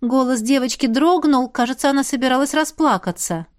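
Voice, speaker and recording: A woman narrating a first-person fantasy audiobook in a wry, lively storytelling manner. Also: high voice, brisk.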